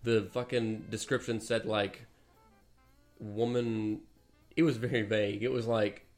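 Swearing, animated male podcast storyteller. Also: fairly low pitch, unhurried, soft background music. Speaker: podcast co-host. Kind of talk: casual chat.

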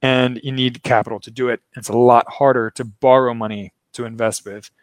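This host's medium-pitched voice moves a little fast with fairly even intonation, and the audio carries no echo. Originally from Baltimore, Maryland and working remotely in Brazil, he keeps his finance chat casual, laughing often and explaining ideas like a relaxed lecturer.

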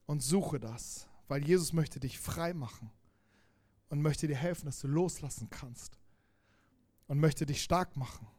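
A man preaching a sermon, emphatic and direct, turning quiet and intense as he goes. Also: a little high, measured pace.

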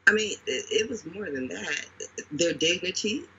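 Man, casual co-host; raspy, sharp-edged tone, emphatic and repetitive delivery, dull lo-fi audio. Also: high-pitched, normal speed. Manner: animated, dramatic retelling with emphatic repetition. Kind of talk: casual conversation.

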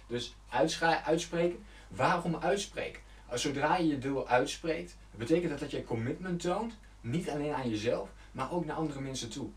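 A man's voice: mid-range voice, roomy sound, recorded from a distance. A man coaching his viewers on setting goals, speaking earnestly and loosely, with fillers and self-corrections. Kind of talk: motivational talk to camera.

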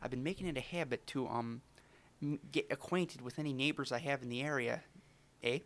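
A chatty, halting Canadian neighbor, put on by a man in a comedy podcast bit. He hems and stalls with ums and tags his lines with eh. His friendliness is a little awkward. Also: mid-range voice, fairly bright tone, a little hiss or hum, natural voice. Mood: friendly hesitant. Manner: hesitant, full of ums, says eh.

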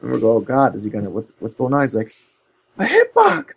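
A man's voice: on the low side, racing, creaky, lo-fi sound. A man being interviewed as a company co-founder, telling stories in a rambling way full of "like" and "you know". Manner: rambling, heavy with "like" and "you know", animated storytelling. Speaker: guest, co-founder of a controller company. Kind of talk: casual interview chat.

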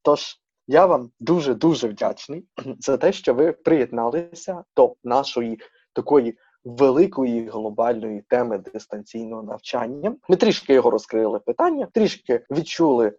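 Here a young man hosts a casual podcast in a playful, teasing way, now and then slipping in Russian words. His voice is dark and a little husky. It sounds dry and slightly dull, as if recorded close on a modest mic. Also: mid-range voice, no room sound. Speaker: podcast host.

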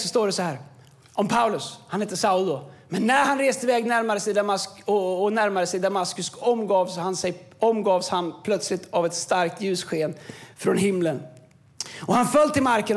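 A man giving an impassioned sermon as a pastor on a church stage, swinging from quiet stretches to shouting. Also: sits high. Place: church stage with music behind.

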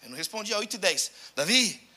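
A middle-aged man with a Brazilian Portuguese accent, a pastor preaching a lively sermon full of humorous stories and calls to the congregation. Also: very high voice, fairly quick. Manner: animated, storytelling, calls out to the congregation.

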